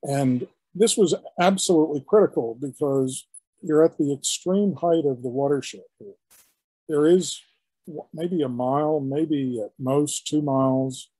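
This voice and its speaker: An older man, a historian, giving an illustrated lecture in a halting, explanatory way with frequent restarts. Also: mid-range voice, dark tone, breathy edge, dry recording, rough recording. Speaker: historian giving a guest talk.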